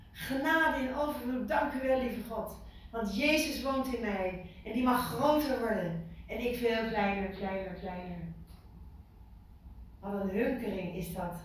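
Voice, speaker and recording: A woman giving an informal sermon to a small group, lively and full of questions to her listeners, repeating words for emphasis. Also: a little high. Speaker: preacher. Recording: echoey room from far off, faint noise.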